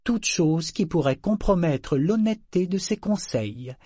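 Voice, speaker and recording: A man's voice: sits high, expressive, a little slow, dark tone, no echo, clean studio sound, pitched above the performer's own voice. Man voicing a proud, coldly formal woman counselor. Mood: reciting. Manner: ceremonious, cold, reciting formally.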